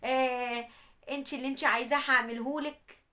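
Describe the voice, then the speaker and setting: A woman's voice: sits high, steady tone, brisk, pushed and bright. A woman with an Egyptian accent voicing an older father-in-law who makes indulgent promises. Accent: Egyptian Arabic.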